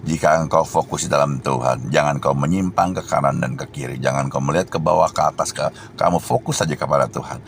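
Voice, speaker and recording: A man's voice: a bass voice, quick pace, creaky, few pauses, a little hiss or hum. A man preaching a sermon as an evangelist, tagging his phrases with "ya" and exhorting his listeners emphatically.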